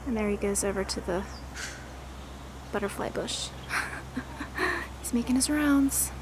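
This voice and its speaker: A woman giving a casual walking tour of her backyard garden, relaxed and admiring, thinking aloud with some fillers. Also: on the high side, slow pace, noisy background.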